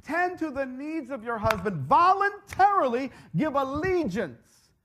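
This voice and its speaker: A woman's voice: high voice, very animated, unhurried, a bit bright, a little hiss or hum. A woman preaching a sermon, emphatic and repetitive, calling out to the congregation and stressing her key words. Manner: emphatic, repeats phrases, calls out to the congregation.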